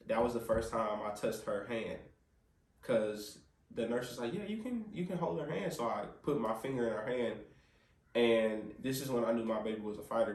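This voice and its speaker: With a lowish, darkish voice, a man recounts his baby's birth with heartfelt emotion, quoting his own words and the nurses' and praying aloud. The sound is roomy, with the mic set some distance away.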